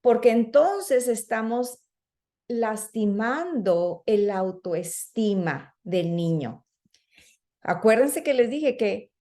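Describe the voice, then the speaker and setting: Her voice runs on the high side and sounds warm as she addresses teachers in a professional development talk. The speaker, an early childhood educator and trainer, keeps it conversational, dropping in fillers and mimicking children and teachers.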